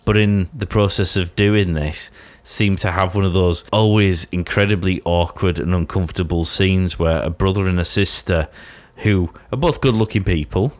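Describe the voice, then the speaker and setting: A man's voice: low voice, moderate pace, few pauses. A man co-hosting a podcast, reviewing a TV episode in casual chat, dry and wry as he speculates at length. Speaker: podcast co-host.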